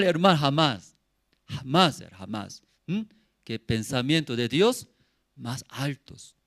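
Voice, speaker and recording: Lively emphatic middle-aged male pastor. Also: high voice, dry recording. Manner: emphatic, repeats words, asks the congregation questions; simple, non-native Spanish phrasing. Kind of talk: sermon. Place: church service.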